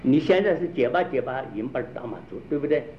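At medium pitch, a man speaks fast and animatedly while explaining a problem. He keeps drilling his points through repeated rhetorical questions to listeners, and the recording is dull, lo-fi, and faintly noisy.

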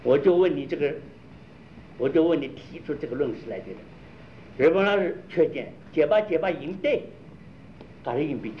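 A man's voice: on the high side, lively intonation, moderate pace, pauses often. A man explaining a problem, repeatedly quizzing his listeners with rhetorical questions. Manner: rhetorical questions, drilling points. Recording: dull lo-fi recording with faint noise.

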